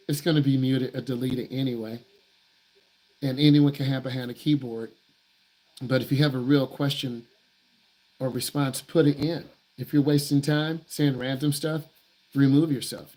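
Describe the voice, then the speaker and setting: On a live stream, a male driving instructor fields viewer questions in a blunt, emphatic way, repeating himself for stress. His voice sits at medium pitch with a darkish tone.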